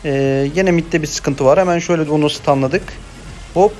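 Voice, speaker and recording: A young man commentating his own mobile game match, chatty in his asides and excitable in the play-by-play. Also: a little high, moderate pace, faint music behind. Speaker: gameplay streamer. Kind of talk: live gameplay commentary.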